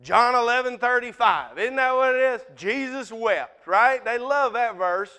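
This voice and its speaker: High, bright-voiced preacher man. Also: lively intonation, measured pace, clean tone. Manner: folksy, conversational, acts out Bible scenes in dialogue. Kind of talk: sermon.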